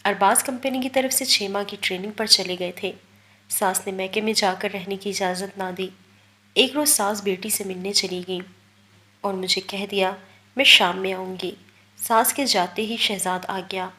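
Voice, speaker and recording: A woman's voice: mid-range voice, fairly even intonation, a bit bright. A woman with a Pakistani Urdu accent, reading a first-person moral story as scripted narration. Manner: reads a first-person story, voicing the characters' quoted lines.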